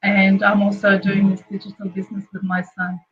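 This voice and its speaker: Older woman, flat measured delivery, muffled call sound. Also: medium pitch. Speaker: retired teacher, panel guest.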